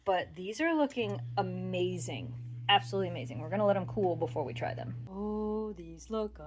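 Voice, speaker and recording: A woman's voice: fairly low pitch, expressive, fast, slight background noise. A woman from the Midwest, hosting a casual home cooking vlog and chatting straight to her viewers in an upbeat way. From American Midwest. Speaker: cooking channel host.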